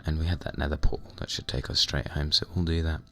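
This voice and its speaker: A young man with a hoarse, croaky voice, chatting casually and rambling while playing a computer game. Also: extremely low pitch, fairly even intonation, fast, bright, forceful tone. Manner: rambling, chatty, mild swearing. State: hoarse, recovering lost voice. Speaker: gaming vlogger. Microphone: desk microphone at computer.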